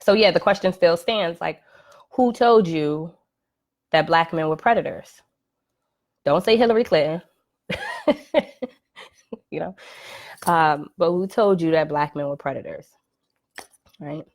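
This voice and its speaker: Hosting her first live podcast from home, this woman talks in a low-pitched voice, a little slowly, with frequent pauses. Her casual monologue is full of "um" and "right?" checks, captured on a computer or phone mic during the live video stream.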